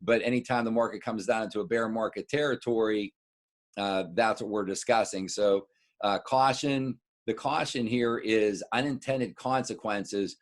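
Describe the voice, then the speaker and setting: A middle-aged American man with a lowish voice works as a wealth adviser and is giving clients a casual market recap. His delivery halts and doubles back on words as he tacks on explanations.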